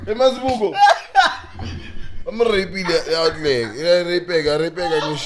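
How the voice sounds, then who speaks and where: A man from South Africa, a podcast guest, telling a story in candid casual chat, halting and repeating words. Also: fairly high pitch, a crowd in the background. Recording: noisy recording.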